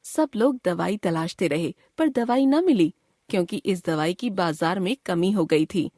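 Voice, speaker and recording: A woman teacher reading a scripted grammar lesson in a clear, measured way. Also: fairly low pitch, animated, dark tone, no room sound, studio quality. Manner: clear, measured classroom explanation.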